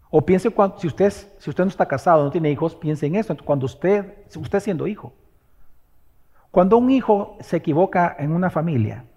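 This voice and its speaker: A man preaching a sermon, firing off rhetorical questions and swinging between loud exhortation and hushed, tender passages. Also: high voice. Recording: long hall reverb.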